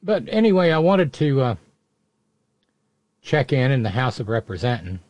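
A man talks as a host giving casual political commentary, with a sardonic, mocking edge. His pitch is average and the recording is dry and close. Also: sing-song, normal speed, a little mellow, dry recording, lo-fi sound.

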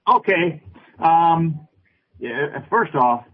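A man's voice: a little high, animated, slightly rough. Muffled speakerphone caller, man in sixties. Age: 60s. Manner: halting, searching for words. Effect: speakerphone call over an internet line. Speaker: radio show caller. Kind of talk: call-in conversation.

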